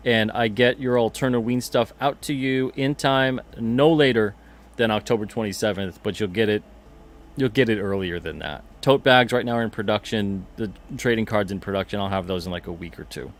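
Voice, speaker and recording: Laid-back guy rambling on his own stream, lowish voice, says stuff twice. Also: normal speed. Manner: chatty, rambling, repeats himself, reads chat comments aloud. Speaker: podcast host and comic publisher. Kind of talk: casual livestream chat.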